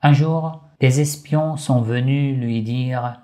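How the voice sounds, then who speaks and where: A man slowly narrating a religious story for children, addressing young listeners gently and deliberately. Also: medium pitch, steady tone.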